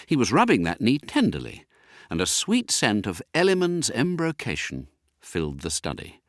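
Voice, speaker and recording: A man reads a school story aloud with great animation, his pitch ranging widely. The recording is dry and close, with no room sound. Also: normal speed, no room sound. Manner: lively, characterful reading. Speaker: audiobook narrator. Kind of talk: scripted narration.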